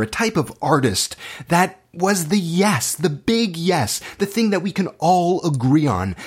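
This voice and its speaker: Using a mid-range voice, this man plays the role of an acting teacher, drawing on personal stories to spur students on. His delivery is heartfelt and fervent, his phrasing dramatic and emphatic.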